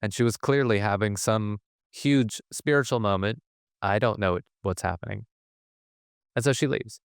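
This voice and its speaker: A man's voice: on the low side, moderate pace, creaky, clear, resonant tone, no room sound, studio quality. A man who is a spiritual teacher, telling a personal story in a rambling way, often breaking off his sentences and laughing.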